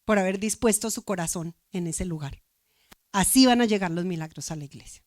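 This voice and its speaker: A woman's voice: on the low side, fairly quick, no echo, studio quality. A middle-aged woman pastor giving an emotional testimony in a sermon, repeating phrases for emphasis.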